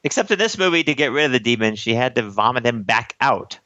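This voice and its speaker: A man's voice: medium pitch, expressive, quick pace, bright, forceful tone, dry recording, lo-fi sound. A man co-hosting a movie discussion, joking casually with a wry manner. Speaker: co-host of a comedic movie discussion show.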